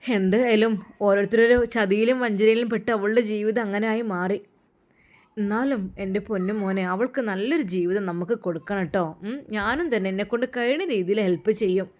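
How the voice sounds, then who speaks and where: A woman's voice: mid-range voice, fairly quick, a little mellow, natural voice. A woman voicing a caring older mother giving earnest advice to her son.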